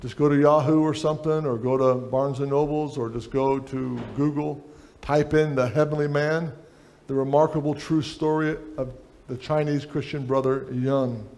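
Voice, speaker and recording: A man's voice: mid-range voice, fairly even intonation, moderate pace, hardly any pauses, a little mellow. Man preaching at a church lectern. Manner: preaching while reading aloud from a book. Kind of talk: sermon with book reading. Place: church sanctuary stage.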